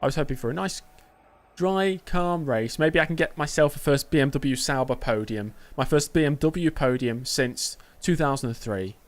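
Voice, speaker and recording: At a moderate pace and medium pitch, a young man from Britain gives casual live commentary on a racing game. He's talkative and self-mocking, answering messages from his chat.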